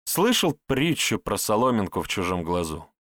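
A man's voice: on the low side, big pitch swings, normal speed, a bit bright, dry recording, clean studio sound. Man doing a sardonic, scornful hero. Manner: mocking, scornful, plain-spoken. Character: sardonic, blunt young male hero with a sharp tongue.

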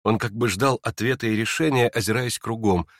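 A man narrating a classic novel aloud in a measured, expressive reading voice. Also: lowish voice, no room sound, studio quality. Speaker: audiobook narrator.

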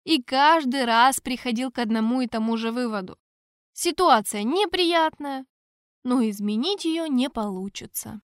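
A woman's voice: on the high side, lively intonation, measured pace, no room sound, studio quality. A woman reading a first-person audiobook narration in a wry, conversational manner.

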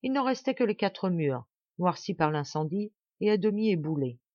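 A woman reading a classic novel aloud as an audiobook, narrating in a measured, clear way. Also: fairly low pitch, very animated, darkish tone, dry recording, dull audio. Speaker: audiobook reader.

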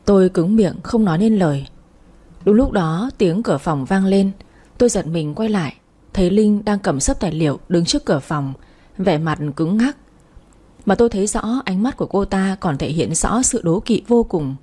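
A woman's voice: medium pitch, expressive, moderate pace, dark tone, slightly rough. A woman reading a first-person romance story aloud, voicing every character herself. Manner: reads all characters' dialogue in one voice. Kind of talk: first-person audiobook narration.

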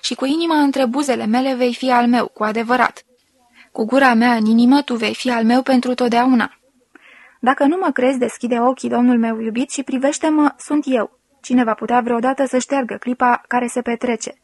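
A woman voicing a sensual woman who slowly and softly reads out an intimate love letter. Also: on the high side, fairly even intonation, dry recording. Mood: intimate, tender. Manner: slow, soft, intimate reading.

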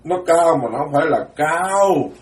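A man, a Buddhist monk giving a dharma talk in a blunt, plain-spoken way, alternating quick asides with slow, weighty phrases. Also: on the high side, lively intonation. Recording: roomy, distant mic.

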